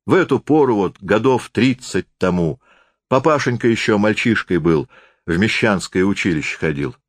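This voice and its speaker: A man reading a folksy tale aloud in a warm, conversational storytelling manner. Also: on the low side, animated, normal speed, no echo, studio quality. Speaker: reader.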